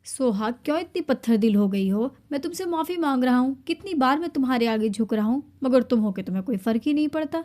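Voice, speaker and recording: A woman's voice: high-pitched, lively intonation, hardly any pauses, darkish tone. A woman voicing a possessive young husband in an audiobook, swinging between teasing and pleading.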